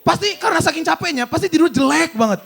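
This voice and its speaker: Young guy doing stand-up, super high raspy voice, crowd laughing a bit in the back. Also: fast talker, a little hiss or hum. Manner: animated storytelling with acted-out dialogue. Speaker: stand-up comedian. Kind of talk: stand-up comedy set. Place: comedy stage before a live audience. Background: audience laughter.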